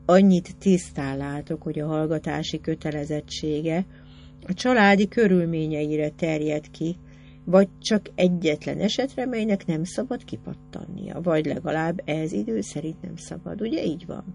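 Woman playing a sly, teasing young gentleman. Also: deep voice, creaky, a little hiss or hum. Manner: probing and mocking. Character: teasing, curious young male senator.

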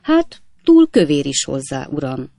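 A man voicing a stout elderly gentleman who addresses his friend with stiff formal indignation before turning kindly. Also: on the high side, huge pitch swings, creaky, no room sound, exaggerated voice. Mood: indignant, stern. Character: stout elderly gentleman club president, stern then kindly.

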